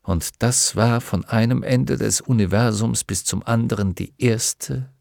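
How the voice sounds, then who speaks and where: A man narrates an audiobook in a measured, dramatic manner. His pace is slow, and his voice has a gravelly texture. The recording is close and dry. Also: mid-range voice, a little mellow, no echo.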